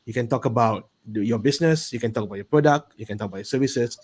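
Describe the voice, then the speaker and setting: A man's voice: mid-range voice, quick pace, a little mellow, husky. A man with a Malaysian accent giving a casual explanation as a panel guest, often checking in with a "right?". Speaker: panel guest, business coach.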